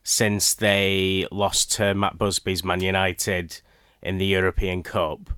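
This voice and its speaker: A man co-presenting a sports radio show, talking football history in a relaxed way with filler words. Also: deep voice, slow pace, clean tone, no room sound, studio quality. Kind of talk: casual radio chat.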